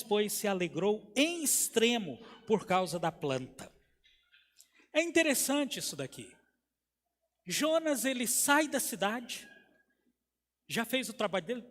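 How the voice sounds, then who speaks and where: Brazilian pastor preaching, pretty high voice for a man, big churchy reverb. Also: fairly bright tone. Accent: Brazilian Portuguese. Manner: emphatic preaching, swelling and dropping in volume. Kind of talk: sermon. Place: church sanctuary. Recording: long church hall reverb.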